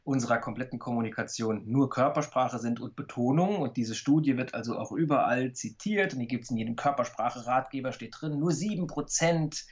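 A man explaining body language in a calm, example-filled way during a video call interview. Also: medium pitch, brisk, few pauses, lo-fi sound. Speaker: body language expert guest.

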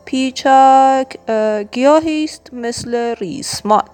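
A weary shepherd father in a children's storybook, voiced by a woman reader, patient and gentle. The voice sits somewhat high for a man. Soft music hums faintly behind. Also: smooth, lightly acted. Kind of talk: children's audiobook reading.

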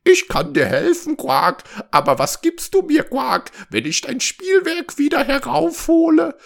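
Man putting on a sleazy high croaking frog. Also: big pitch swings, heavily acted. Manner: croaky, drawn-out, quacking. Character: slimy lecherous giant male frog.

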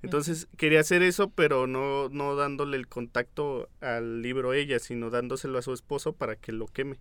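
A man's voice: medium pitch, moderate pace, smooth, dry recording. A man with a Mexican accent retelling a horror film's plot in a casual chat, acting out lines with slang. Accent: Mexican Spanish. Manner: animated retelling with acted-out quotes and slang. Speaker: podcast co-host. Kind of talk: casual movie-review chat.

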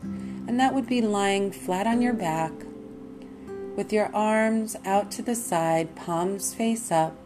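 A woman leading a guided meditation as host and teacher, in a calm, soothing, meditative manner. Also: mid-range voice, takes it slowly. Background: plucked guitar music.

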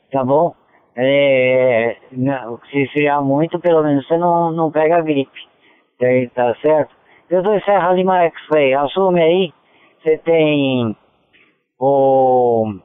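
A man's voice: medium pitch, clear, resonant tone, no echo. A man running a ham radio net over a two-way radio, easygoing and checking in with each station. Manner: easygoing, repeats call signs, checks in with "tá ok?". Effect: transmitted over a two-way radio. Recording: narrow tinny radio transmission.

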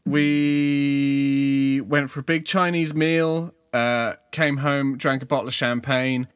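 A man's voice: mid-range voice, steady tone, takes it slowly, clean tone, no room sound. A British man co-hosting a podcast, teasing and bantering playfully. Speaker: podcast co-host. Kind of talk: casual chat.

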